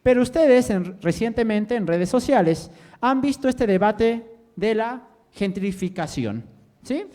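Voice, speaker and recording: A man's voice: sits high, animated, a little slow, dark tone. A man giving a lecture as a language teacher, constantly checking in with the audience and joking with them. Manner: quizzes the audience with constant "¿sí?" and jokes. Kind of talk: interactive lecture to students.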